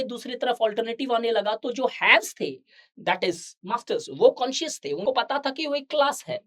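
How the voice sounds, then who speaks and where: A woman teaching an exam-prep lecture, slowing down to stress key terms and asking the class rhetorical questions. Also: fairly high pitch. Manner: asks rhetorical questions to the students.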